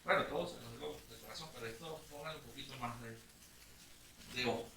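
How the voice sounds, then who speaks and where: A male pastor preaching a lively sermon, retelling a story with acted-out lines and questions to the congregation. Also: medium pitch, fast talker, gravelly, a crowd in the background. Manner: lively storytelling, acting out bits of dialogue with sudden loud outbursts. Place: church meeting hall. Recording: echoey room from a distance with faint noise.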